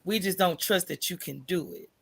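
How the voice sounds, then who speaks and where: Fairly low and gravelly with a breathy edge, this American woman's voice moves at a moderate pace. As an entrepreneur on a podcast, she shares her personal story in a candid, conversational interview style, frequently tossing in "right?".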